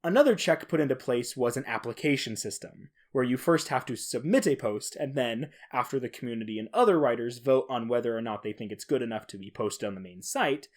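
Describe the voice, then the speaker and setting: This man's medium-pitched voice is expressive and fairly quick, with barely a pause, as he hosts a podcast on his own. He explains horror fiction informally and conversationally, sometimes swearing.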